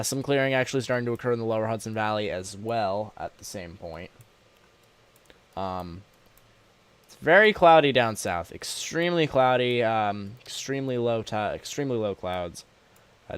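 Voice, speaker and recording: A man with a sore throat giving casual, unscripted live weather commentary as a livestream host, halting and informal. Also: fairly low pitch, clean tone. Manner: informal, halting, addressing viewers as y'all.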